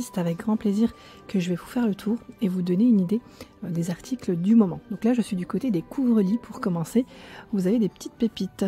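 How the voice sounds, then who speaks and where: A woman's voice: medium pitch, mellow. A woman casually vlogging a walk through a large furniture store, chatting along, reading prices aloud and stumbling over product names. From France. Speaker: shopping vlogger. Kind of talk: casual store walkthrough vlog.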